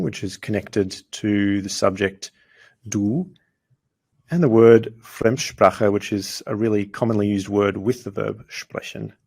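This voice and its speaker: This is a language lesson on grammar, led by a man whose voice is lowish and a little mellow. He takes his time with example sentences and says the foreign phrases slowly and clearly.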